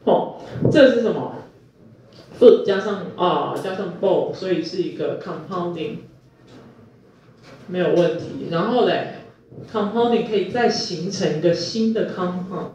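A man's voice: high voice, measured pace, a little mellow, a little hiss or hum. Man lecturing in an echoey classroom. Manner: quizzes the class with repeated questions. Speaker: university linguistics lecturer. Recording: echoey room, distant mic, muffled.

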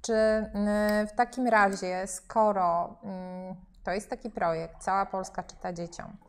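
A woman hosts a relaxed interview, building her questions slowly with many fillers and pauses. She backs up the guest with frequent short murmurs of agreement. Her voice is mid-pitched and ordinary. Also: clear, resonant tone. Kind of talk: casual interview.

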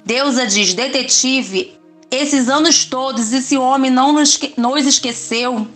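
A woman's voice: high voice, a little slow, a bit bright, faint music behind. A woman with a Brazilian Portuguese accent narrating a soap opera recap in plain storytelling, reading out the characters' lines in her own voice.

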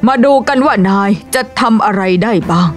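A woman's voice: fairly high pitch, expressive, normal speed, over music, close to an everyday voice. An actress playing a scheming woman who mocks and belittles a man, in a dubbed drama. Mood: mocking. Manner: taunting, contemptuous. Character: scheming woman, contemptuous accomplice.

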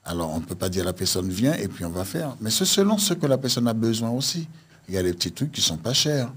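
A man's voice: fairly low pitch, very animated, fast, breathy edge. A man from Haiti who is a vodou priest, speaking plainly in a radio studio interview. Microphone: studio mic with headphones.

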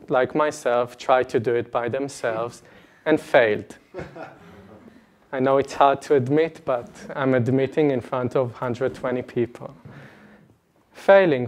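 A man gives an earnest, animated personal talk to a retreat audience, speaking into a lapel mic in an indoor meeting room. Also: mid-range voice. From Israel. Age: late 20s. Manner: earnest, animated, gestures broadly, laughs between points.

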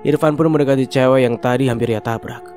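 A man narrating a scripted story in a steady, even storytelling manner. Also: mid-range voice, quick pace. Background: faint music.

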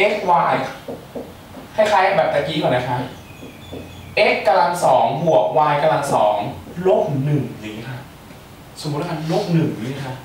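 A young man tutoring students for a math exam, chatty and playful, with joking asides. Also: a little high. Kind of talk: exam-prep math lecture. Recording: echoey room, mic far off, faint hiss.

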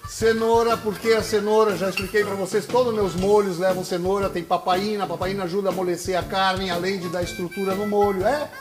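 A man's voice: high-pitched, flat delivery, fairly quick, hardly any pauses, over music. A middle-aged man hosting a TV cooking show, chatting in a jokey, folksy way on a lapel mic. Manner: jokey, explains with folksy asides. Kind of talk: casual TV cooking chat. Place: rustic open-air kitchen set.

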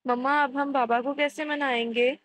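A woman's voice: high voice, fairly even intonation, fairly bright tone, slight background noise. A woman reading the lines of a stubborn, devoted boy who pleads and protects in a storybook reading. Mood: sweet. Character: stubborn devoted young boy, later young man.

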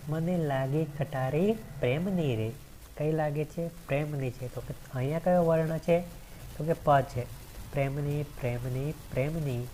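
A woman teaching a grammar lesson for exam preparation, asking questions and answering them herself and repeating each example slowly. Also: sits low, warm tone, a little hiss or hum.

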